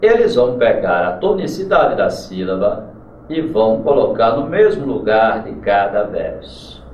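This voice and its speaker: A man's voice: on the low side, very animated, unhurried. A man with a Brazilian Portuguese accent teaching a literature lesson, explaining and chanting verse rhythms aloud. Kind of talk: classroom lecture. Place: classroom. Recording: roomy, distant, dull mic with faint noise.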